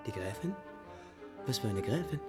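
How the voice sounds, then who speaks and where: Over music, a male actor with a natural, mid-range voice and big pitch swings portrays an imperious, anxious, quick-tempered prince in a classical German radio drama. He speaks theatrically in abrupt questions and commands, sounding alarmed and impatient.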